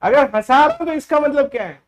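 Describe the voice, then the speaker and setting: Brisk and very high-pitched, a male math teacher repeatedly tells his students to quit commenting and pay attention. His classroom lecture moves casually and teasingly back and forth between Hindi and English.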